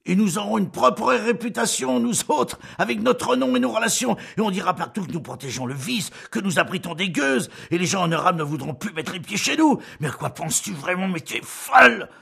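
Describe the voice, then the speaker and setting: A man reading an audiobook, voicing an irritable, quick-tempered young husband who shouts in exasperation. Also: high-pitched, lively intonation, vocal fry, husky, pitched above the performer's own voice, heavily acted. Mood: outraged. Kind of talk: audiobook character voice.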